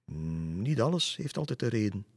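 A man voicing a calm, kindly female dove in a read-aloud storybook, speaking softly and in a measured way. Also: lowish voice, breathy edge, long reverb tail, full character voice.

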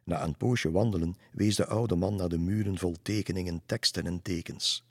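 A man reading a children's story aloud in a calm, even way. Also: low-pitched, moderate pace, husky, no echo, studio quality. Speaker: narrator.

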